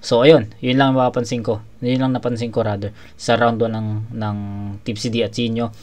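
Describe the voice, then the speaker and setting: A man's voice: medium pitch, little pitch movement, normal speed, darkish tone. Casual male battle reviewer. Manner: casual, swearing, many restarts. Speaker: battle judge reviewing a match.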